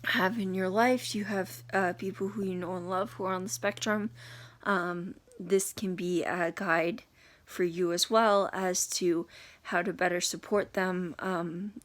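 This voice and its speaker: A young woman giving an unscripted talk to camera, halting and hesitant, with many pauses and fillers. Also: fairly low pitch, steady tone. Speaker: video blogger reviewing a book.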